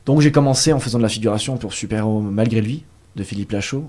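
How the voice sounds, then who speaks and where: A young man in his twenties from France, telling his story as a guest in a casual interview, lively and full of fillers. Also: fairly low pitch, fast. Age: 20s. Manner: chatty, animated storytelling with fillers. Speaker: guest actor.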